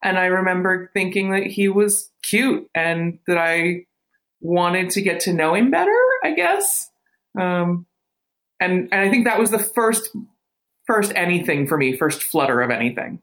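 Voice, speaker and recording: Anonymous female interviewee, late thirties. Altered voice, on the low side, slow and halting. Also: lively intonation, a bit bright. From small town. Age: late 30s. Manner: hesitant, halting recollection. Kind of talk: candid interview conversation.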